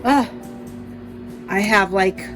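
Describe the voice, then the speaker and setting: A woman with a mild speech impediment talks through her cooking in a home kitchen at an unhurried, drawn-out pace. She chats to the viewer, thinks aloud and corrects herself mid-sentence. Faint music plays underneath. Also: medium pitch, a bit bright, low-quality recording. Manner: chatty, thinks aloud, self-correcting asides. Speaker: cooking vlogger. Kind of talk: casual kitchen narration while cooking.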